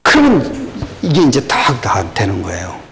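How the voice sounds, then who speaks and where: An older man preaching a sermon, questioning the congregation and swinging between loud rises and low murmurs. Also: huge pitch swings, moderate pace, creaky, slight background noise, rough recording. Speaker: pastor.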